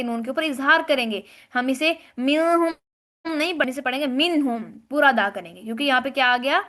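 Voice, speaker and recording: Woman, high voice, explains step by step, asks and answers own questions. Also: bright, forceful tone. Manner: recites Arabic words slowly and drawn out. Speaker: Quran recitation teacher. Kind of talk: tajweed lesson.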